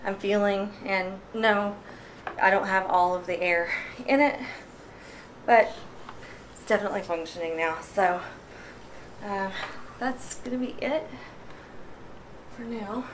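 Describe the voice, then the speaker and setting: A woman vlogger talking casually through a repair demonstration, out of breath from working a hand pump and filling pauses with ums. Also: mid-range voice, slight background noise. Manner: chatty, many ums, pauses while pumping.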